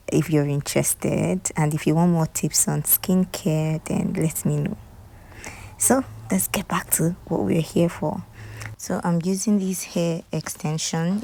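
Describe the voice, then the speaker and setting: This low, creaky-voiced Nigerian woman guides her audience through a hair tutorial in a relaxed narration, now and then lowering to gentle, half-whispered asides.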